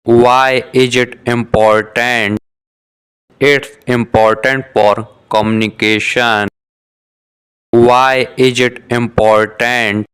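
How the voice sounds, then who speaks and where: The reader is a man in a mid-range voice, steady and even, taking his time with crisp, careful speech. He repeats each short question-and-answer exchange twice, measured and clearly articulated, as scripted beginner dialogue for shadowing in an English lesson.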